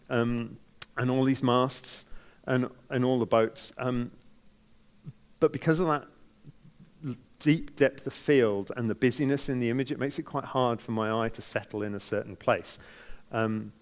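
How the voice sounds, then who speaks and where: Male judge, broad Kiwi accent, mid-pitched voice, gentle and hesitant off-the-cuff critique. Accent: New Zealand. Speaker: photography competition judge. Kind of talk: spoken critique, unscripted feedback.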